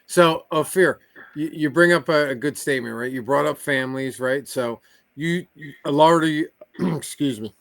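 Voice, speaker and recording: A man hosting a podcast, asking a guest questions in a relaxed, conversational way with a few restarts. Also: on the high side, moderate pace, creaky, dry recording. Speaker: podcast host. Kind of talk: casual podcast interviewing.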